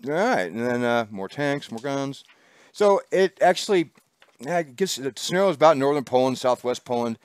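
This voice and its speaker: Animated and clean-toned, a man at medium pitch hosts a casual chat show at a moderate pace, with no echo in the small studio. He keeps things chatty and rambling, laughing often.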